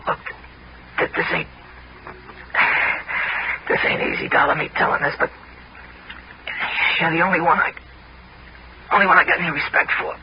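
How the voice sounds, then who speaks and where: An actor playing a dying American convict in his thirties, halting and short of breath, with rough street speech, in 1960s radio drama style. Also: fairly high pitch, fairly even intonation, slight background noise, close to an everyday voice. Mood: halting, confessional. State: weak, struggling for breath. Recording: dull old radio recording with music.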